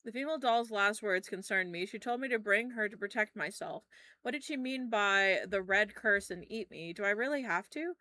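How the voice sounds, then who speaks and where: A woman playing a game and commenting as she goes, reading game text aloud in an expressive, reactive way with casual swearing. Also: mid-range voice, moderate pace, no room sound. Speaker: game streamer. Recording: clearly noisy background.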